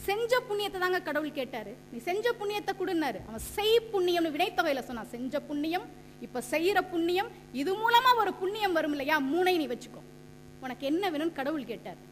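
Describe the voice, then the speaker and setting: A woman's voice: very high voice, big pitch swings, fairly quick. A woman giving a stage debate speech, quoting scripture and poetry and acting out anecdotes. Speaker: debate speaker. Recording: echoey hall with faint hum.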